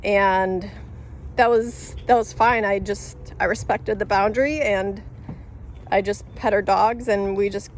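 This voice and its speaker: A woman's voice: medium pitch, steady tone, measured pace, a little hiss or hum. A woman telling a story to camera in a casual, rambling way, full of fillers and restarts, laughing as she goes. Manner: rambling, many fillers and self-corrections; laughs through her telling. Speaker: vlogger.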